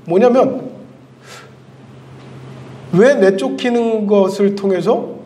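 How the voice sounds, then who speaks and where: High-voiced pastor in an echoey church. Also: male voice, slow pace, warm tone. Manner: storytelling, asks the congregation questions. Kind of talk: sermon. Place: church sanctuary. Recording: echoey hall, voice from a distance.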